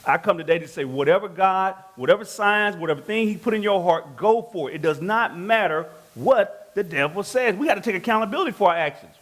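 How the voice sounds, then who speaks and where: A man's voice: high-pitched, animated, a little fast, few pauses, fairly bright tone. A man preaching a sermon in church, calling questions out to the congregation and telling stories. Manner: preaching with calls to the congregation, storytelling. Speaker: pastor.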